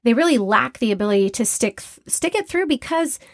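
A woman in her thirties hosts a motivational podcast in a loose, chatty way, full of fillers and quick laughs. Her voice sits a little high. The recording is dry and close, with no room sound. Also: animated, no room sound. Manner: chatty, storytelling, laughs often, many fillers. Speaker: podcast host. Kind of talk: casual motivational talk.

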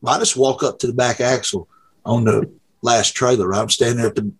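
A man's voice: medium pitch, steady tone, fairly quick, husky. A middle-aged man, a drag racer guest telling a folksy, rambling story with laughs. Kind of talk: casual storytelling.

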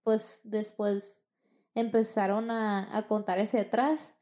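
A woman's voice: medium pitch, little pitch movement, takes it slowly, darkish tone. A young woman with a Mexican accent, telling a personal story in casual, slangy, profane chat and acting out the dialogue. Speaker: podcast host.

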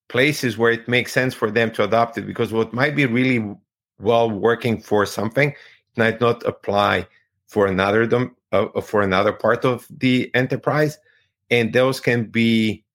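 A man from Croatia, a tech executive giving measured, explanatory interview answers over a video call and sometimes searching for words. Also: on the low side, fairly bright tone.

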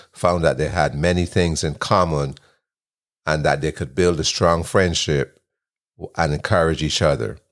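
Very deep-voiced male podcast host. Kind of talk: scripted podcast narration. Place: home kitchen.

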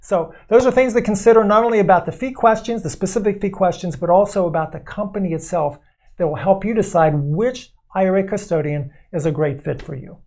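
Mellow-voiced man explaining at an easy pace. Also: sits high. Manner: measured, explanatory, acts out quoted callers. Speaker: podcast co-host explaining investing. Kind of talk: conversational podcast explanation.

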